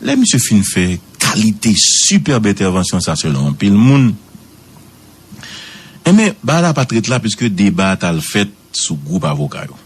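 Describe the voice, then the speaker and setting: A man with a Haitian accent giving radio commentary, swooping high for emphasis and repeating words. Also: wildly swooping pitch, normal speed, husky.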